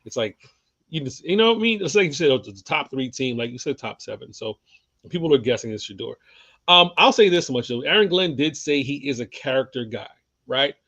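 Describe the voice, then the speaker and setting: A man's voice: medium pitch, expressive, fairly quick, a bit bright, no room sound. Guy cohosting a sports pod, cusses a lot, kinda dull dry sound. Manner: profane, blunt, laughing often. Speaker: podcast co-host. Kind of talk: casual sports chat.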